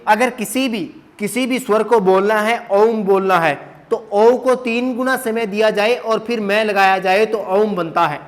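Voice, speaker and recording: A man teaching a grammar lesson at a whiteboard, asking questions and answering them himself, repeating the key terms. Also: high voice.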